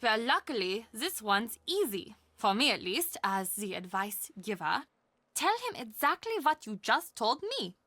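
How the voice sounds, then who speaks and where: An actress voicing a warm, chatty middle-aged castle employee and aunt in a video game, expressive and confiding. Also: female voice, a little high, measured pace, no room sound, heavily acted. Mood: warm, encouraging.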